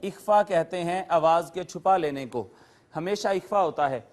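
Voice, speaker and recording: High-voiced man teaching a lesson. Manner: patient, methodical, repeats key terms with definitions; addresses viewers politely. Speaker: Quran teacher. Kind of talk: lecture explaining Arabic letters and recitation rules.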